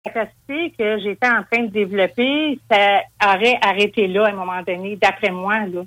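A woman's voice: medium pitch, a little fast, fairly bright tone, dry recording. A woman with a Québécois French accent calling in to a radio show, telling her own story earnestly. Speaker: caller. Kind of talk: phone-in storytelling.

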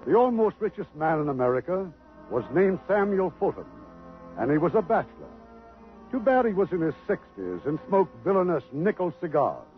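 A male radio host and producer introduces and narrates the setup of a 1950s radio drama, his high voice swinging widely in pitch at a normal pace. The old broadcast sounds muffled, with music present.

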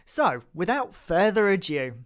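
A woman co-hosting a casual political chat podcast, chatty and sweary, quick to laugh. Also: lowish voice, very animated. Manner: chatty, sweary, laughs easily, lots of fillers. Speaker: podcast co-host.

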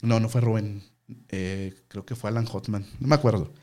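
A young man with a Mexican Spanish accent telling a story in casual interview chat, slangy and animated, acting out the voices of the people he quotes. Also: fairly low pitch, normal speed. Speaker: guest.

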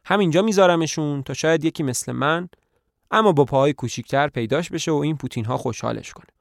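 A man voicing a weary older tramp who makes flat, despairing remarks. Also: a little high, creaky, no echo, studio quality. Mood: gloomy.

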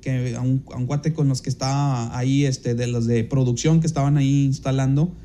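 A man's voice: medium pitch, steady tone, moderate pace, mellow, a little hiss or hum. A Mexican man, a podcast host and DJ, telling a casual anecdote in a rambling way, with many fillers and restarts, and jumping into livelier voices when he quotes people.

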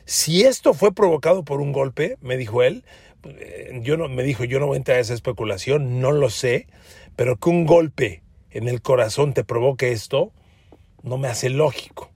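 A man's voice: mid-range voice, lively intonation, moderate pace, gravelly, darkish tone, husky, no room sound. A man with a Mexican Spanish accent hosting a sports podcast, speaking emphatically, calling listeners friends and repeating words for stress. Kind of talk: sports commentary monologue.

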